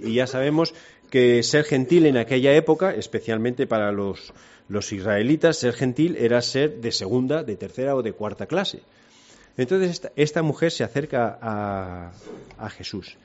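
A man's voice: mid-range voice, darkish tone. Conversational man preaching, lo-fi sound. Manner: conversational, rhetorical questions, retells scripture with voices. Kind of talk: sermon, Bible teaching. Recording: dull lo-fi sound.

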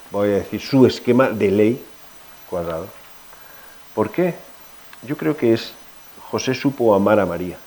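A man's voice: mid-range voice, warm tone, low-quality recording. A middle-aged man giving an informal sermon, telling personal stories and asking his listeners questions, with frequent restarts. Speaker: preacher.

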